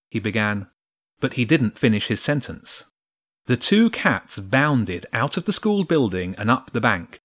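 A man narrating a children's storybook in a steady, measured read. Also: medium pitch.

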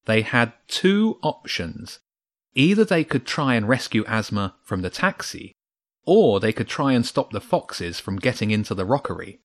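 A man narrating a children's storybook in a steady, measured read. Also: mid-range voice.

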